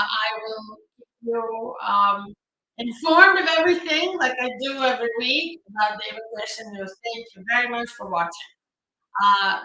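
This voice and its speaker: On a live stream recorded by phone in an echoey New York home or office, a woman from Ukraine who works as an immigration lawyer greets viewers by name. She sounds a little high and sharp-toned, upbeat, and leans on frequent fillers.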